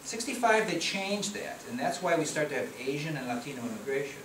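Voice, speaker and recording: A man's voice: fairly high pitch, very animated, fairly quick, a bit bright. A middle-aged man from the Chicago area giving a conversational presentation with slides, often restarting and repeating words. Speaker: policy researcher giving a talk. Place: meeting room at a conference. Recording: echoey room from far off, noisy.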